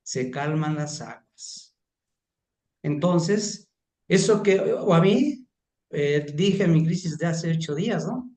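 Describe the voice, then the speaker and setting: A man's voice: fairly high pitch, expressive, slow, darkish tone. Man with a roomy echo. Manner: rambling with restarts, emphatic. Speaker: pastor and counselor. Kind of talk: sharing an anecdote in an online class.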